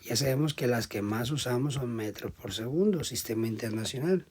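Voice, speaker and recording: A man giving a classroom lecture, explaining step by step and often checking in with the class, his volume swinging between loud emphasis and quiet asides. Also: medium pitch, brisk, slight background noise. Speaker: teacher.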